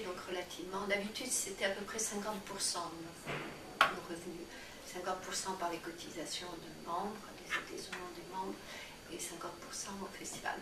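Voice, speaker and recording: Hesitant older Frenchwoman in a roomy space. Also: fairly low pitch. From France. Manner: hesitant, many fillers and restarts, occasional laugh. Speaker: interviewee, cultural association chair. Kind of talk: casual interview answers. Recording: roomy, distant mic with background noise.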